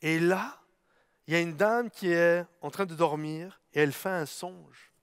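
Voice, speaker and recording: A male preacher delivers a fervent, storytelling sermon, often addressing his listeners directly. His voice is high-pitched. The sound is dry and close. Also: unhurried, smooth, dry recording. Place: streamed service, speaking to viewers.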